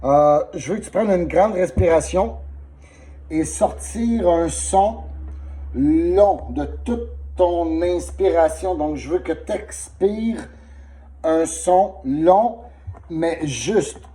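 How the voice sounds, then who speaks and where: Speaking slowly in a warm, fairly high voice, a male singing teacher patiently coaches a student one-on-one. He demonstrates vowels, coughing now and then because of a sore throat.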